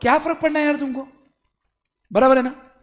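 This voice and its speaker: A man's voice: extremely high pitch, fairly even intonation, brisk, voice pushed up. A man voicing a cheeky male student who nags his teacher. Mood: nagging.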